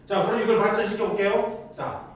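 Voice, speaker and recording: A man's voice: high voice, level tone, brisk. A man teaching a math lesson in a chatty way. He keeps asking students questions and then answers them himself. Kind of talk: lecture to students. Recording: echoey room, mic at a distance, faint noise.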